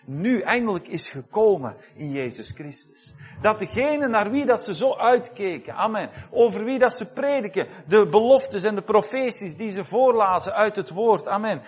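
A man's voice: sits high, slightly rough. A man preaching a fervent sermon, punctuating it with "amen" and building to impassioned peaks.

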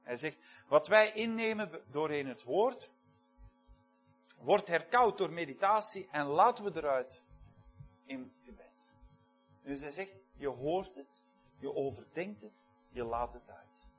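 A man's voice: fairly high pitch, animated, slow, pauses often, a bit bright, soft background music. A man preaching a sermon, talking conversationally, listing words one by one and asking the congregation questions. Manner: conversational, repeats key words in lists, asks the congregation questions.

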